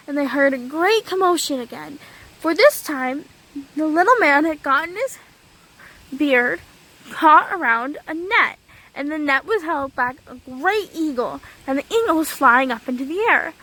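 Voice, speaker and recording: A woman telling a fairy tale in a lively, unscripted way, with small slips and repetitions. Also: high-pitched, poor audio. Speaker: storyteller. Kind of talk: casual storytelling.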